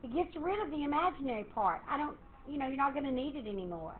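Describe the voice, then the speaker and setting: A woman math teacher, lecturing her class in a lively, encouraging way and quizzing students. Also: sits high, quick pace. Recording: tinny phone-like classroom recording, faint hiss.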